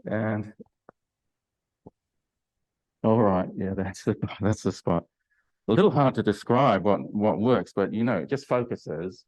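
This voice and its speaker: An older man serves as a Pilates instructor in a live online exercise class, speaking in a lowish, darkish voice at a moderate pace. He is chatty and hesitant, full of fillers and restarts, and groans with effort while doing self-massage. The recording quality is low.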